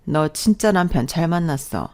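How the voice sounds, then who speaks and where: A woman's voice: deep voice, expressive, normal speed, a little mellow. A woman doing a doting, talkative mother-in-law. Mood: fussing.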